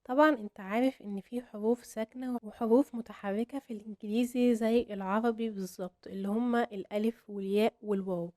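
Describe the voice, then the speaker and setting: A young woman with an Egyptian Arabic accent, giving a casual English grammar lesson and explaining step by step while drilling example phrases slowly. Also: on the high side, fairly even intonation, warm tone, no room sound, clean studio sound. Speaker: English teacher.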